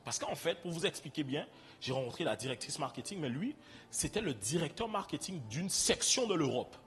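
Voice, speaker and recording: A young preacher with an Antillean accent recounts his own experiences to the congregation in a conversational sermon. He sounds very animated, a little high and a bit bright, speaking slightly fast.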